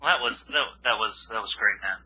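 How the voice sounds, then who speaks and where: A man's voice: fairly low pitch, brisk, over a noisy crowd, poor audio. A man co-hosting a casual podcast chat who rambles, swears freely and trails off mid-sentence. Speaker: podcast co-host.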